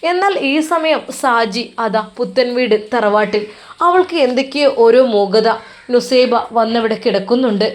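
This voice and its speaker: A woman telling a story in a gentle, measured narration. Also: a little high.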